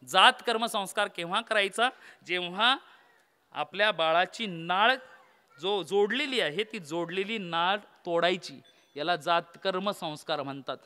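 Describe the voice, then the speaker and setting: A man's voice: sits high, pushed and bright, clean tone. A man preaching a comic devotional kirtan sermon, telling the story theatrically, quizzing the audience and breaking into song. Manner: asks the audience questions.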